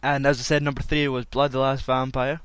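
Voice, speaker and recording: A man's voice: mid-range voice, level tone, fairly quick, a bit bright, clean tone, dry recording. A man hosting a casual chat, loose and rambling. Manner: loose and rambling, laughs a lot. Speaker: podcast host.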